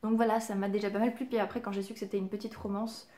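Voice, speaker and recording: A woman in a casual book-haul vlog, chatty and enthusiastic, her talk full of small hesitations and fillers. Her voice sits at a middle pitch for a woman, and she laughs easily between remarks. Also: level tone, quick pace, dark tone. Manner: enthusiastic, giggly. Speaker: book vlogger.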